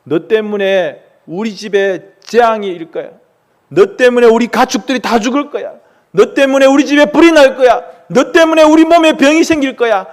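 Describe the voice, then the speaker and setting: A man voicing an angry rural father who shouts and scolds his son, bellowing in a high, loud voice. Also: moderate pace. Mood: raging. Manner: bellowing, furious.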